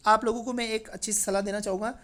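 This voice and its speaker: A man's voice: high-pitched, level tone, fast, fairly bright tone. Male teacher, chatty. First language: Marathi. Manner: conversational, checks in with frequent tag questions. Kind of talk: exam paper walkthrough lesson.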